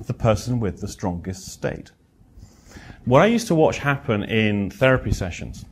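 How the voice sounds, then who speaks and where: Blunt, wry man telling therapy anecdotes. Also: a little hiss or hum. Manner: blunt, wry storyteller who swears; animated, swinging pitch and loudness. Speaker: therapist giving a presentation. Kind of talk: lecture with anecdotes.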